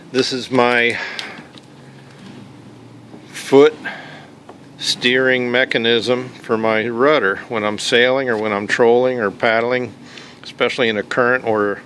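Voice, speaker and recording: A man's voice: mid-range voice, slight background noise. Plain-spoken man showing off his kayak. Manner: relaxed, plain-spoken, with frequent "uh" pauses. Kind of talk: casual show-and-tell walkthrough. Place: outdoors on a paved driveway.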